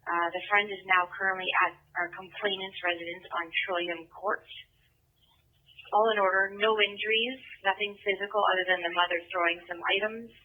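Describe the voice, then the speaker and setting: A woman's voice: mid-range voice, steady tone, brisk. A woman dispatcher relaying incident details factually over a two-way police radio. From Canada. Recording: tinny, narrow scanner radio.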